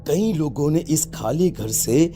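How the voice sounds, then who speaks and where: A man voicing a secretive neighbourhood man in a cartoon, confiding rumours in a hushed way. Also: fairly high pitch, lively intonation, takes it slowly, music in the background.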